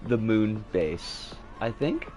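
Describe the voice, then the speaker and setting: A man's voice: fairly low pitch, sing-song, takes it slowly, dark tone, soft background music. A man chatting casually as a game streamer, with a sardonic, rambling, sweary manner. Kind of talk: casual livestream chat and commentary.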